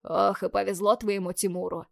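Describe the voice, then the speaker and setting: A woman reading the lines of an elderly grey-bearded male doctor who is fatherly and gently scolding. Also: mid-range voice, flat delivery, normal speed, vocal fry, no room sound, clean studio sound. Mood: teasing.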